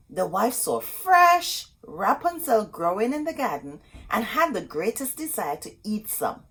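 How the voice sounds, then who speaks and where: A woman with a mid-range, somewhat bright voice and a breathy edge hosts a children's storytime, reading expressively and chatting directly to the kids between lines. The recording quality is low.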